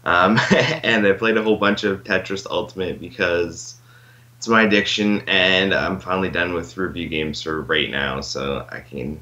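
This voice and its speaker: A man co-hosting a casual gaming podcast, laid-back and low-key, chuckling and mumbling fillers. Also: fairly even intonation, moderate pace, bright, forceful tone. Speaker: podcast co-host. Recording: slightly dull lo-fi mic.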